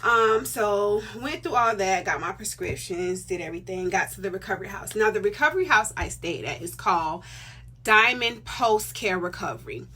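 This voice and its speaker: A middle-aged woman talks straight to her viewers in a casual vlog. Her voice is bright and forward. She is emphatic and chatty, often repeating a point to drive it home. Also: mid-range voice, lively intonation, moderate pace, breathy edge. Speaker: vlogger.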